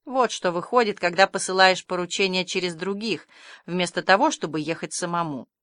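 Woman reading as a stern old farm lady, sharp and bossy, dry close sound. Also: lowish voice, moderate pace, no echo, close to an everyday voice. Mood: scolding. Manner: sharp, scolding, decisive.

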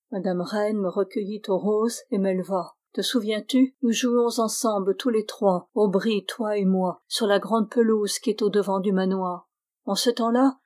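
A woman's voice: mid-range voice, a little mellow, natural voice. A woman reading the part of a feverish, frightened young noblewoman who talks in an anxious, pleading way.

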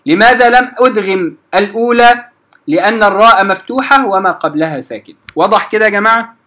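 A man teaching Quran recitation, repeating each example slowly and often checking that the class follows. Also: sits high, sharp tone. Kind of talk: recitation lesson.

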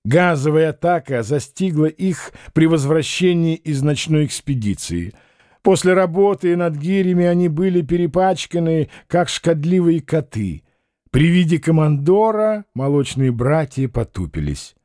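A man reading a novel aloud as an audiobook narrator, expressive and acting out the characters. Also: fairly high pitch, measured pace, dry recording, clean studio sound.

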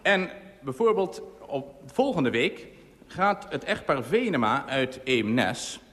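A man's voice: mid-range voice, sing-song, slow pace, a bit bright. A man hosting a live radio game show in front of a studio audience, chatting and joking with the contestants. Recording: hall reverb, faint audience and hiss.

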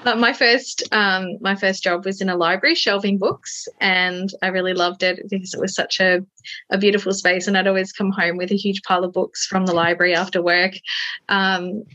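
A woman author answering interview questions in an earnest, steady way, with frequent pauses. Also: medium pitch, no room sound. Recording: dull lo-fi dry sound.

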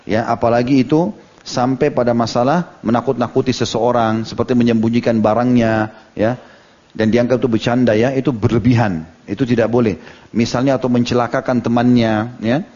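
Male preacher, rapid storyteller, mid-pitched, muffled lo-fi recording. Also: fairly even intonation, warm tone. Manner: storytelling, retells hadith with quoted dialogue and asides. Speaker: Islamic preacher. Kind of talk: religious study lecture. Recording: dull lo-fi audio recording.

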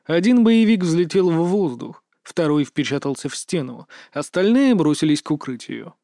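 A man's voice: on the high side, lively intonation, moderate pace, dark tone, no echo, studio quality. Man narrating a terse war story. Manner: terse, clipped action narration.

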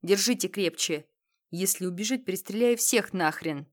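A woman's voice: mid-range voice, lively intonation, normal speed, close to an everyday voice. A woman reading the lines of a menacing male gangster boss who drawls with a lisp and barks orders. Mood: commanding. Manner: lisping drawl, barking orders.

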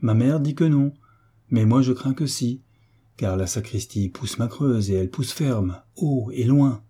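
A man's voice: mid-range voice, a little slow, mellow, slightly rough. A man voicing a young duke, earnest and somewhat hesitant.

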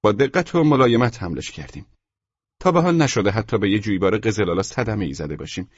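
A man voicing a courteous male junk-store salesman with pleasant, smooth sales patter, on a dull lo-fi recording. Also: lowish voice, big pitch swings, dry recording, pitched above the performer's own voice.

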